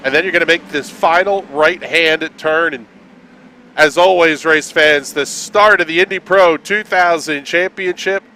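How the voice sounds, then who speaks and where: A man on lead play-by-play for a sim racing stream, his voice sitting a little high for a man. He keeps a brisk, steady flow through the laps and pushes up into shouts when a car locks up. Faint hiss runs beneath him. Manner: brisk, builds to shouts at incidents. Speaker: play-by-play commentator.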